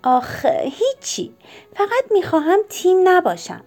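A woman doing a high whiny chubby boy. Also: sing-song, soft background music. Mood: sad. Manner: high, whiny and pleading, shouting when upset. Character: upset chubby young boy, teased at school.

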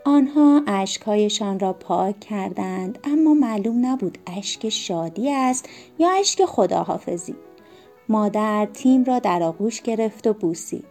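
A woman narrating a children's story in a gentle, expressive way. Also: mid-range voice, faint music behind. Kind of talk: storybook reading.

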